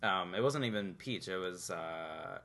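A man chatting casually and rambling with many fillers, acting out game characters in quick asides. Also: low-pitched, lively intonation, sharp tone. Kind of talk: casual chat.

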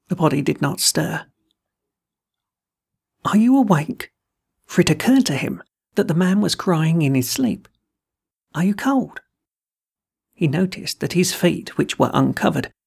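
A gravelly, husky voice reads a classic ghost story aloud. The delivery is measured and deliberate, as a host narrating a tale. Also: medium pitch. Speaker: host and reader of a horror story.

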